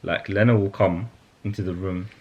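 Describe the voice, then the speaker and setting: A man chatting with his wife in a vlog as husband and father, soft-spoken and halting, trailing off quietly. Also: low voice, steady tone, slightly rough, dull audio. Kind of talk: casual chat.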